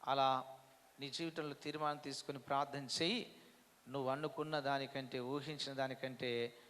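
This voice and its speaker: A man preaching a sermon, swinging from loud emphatic peaks down to low, soft prayer lines. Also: steady tone, normal speed. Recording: long hall reverb.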